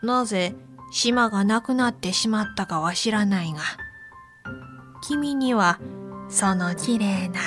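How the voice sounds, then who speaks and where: Woman doing a gentle, lowered old painter man. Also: lightly acted. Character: kindly poor old male painter. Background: faint music.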